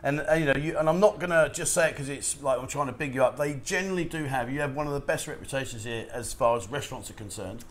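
A man's voice: mid-range voice, fast, few pauses, slight background noise. A man hosting a casual chat interview, talking in an effusive, chatty way full of matey slang. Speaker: talk show host. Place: restaurant pie kitchen indoors.

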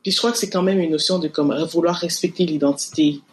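Male guest, slightly high voice, earnest and chatty. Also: fairly even intonation, fast talker, a little hiss or hum. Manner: earnest, joking lightly, many fillers. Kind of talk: casual discussion.

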